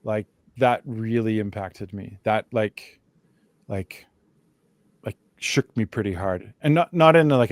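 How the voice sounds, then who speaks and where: A man co-hosting a podcast in casual chat, speaking haltingly with many restarts and fillers. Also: fairly low pitch, darkish tone, no echo, studio quality. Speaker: podcast co-host.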